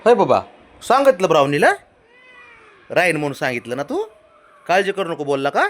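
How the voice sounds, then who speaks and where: A man's voice: on the high side, very animated, a little fast, a bit bright. Man cooing baby talk at his cat. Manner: coaxing baby talk to a cat, sing-song. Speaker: pet owner filming his cats. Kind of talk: casual pet vlog.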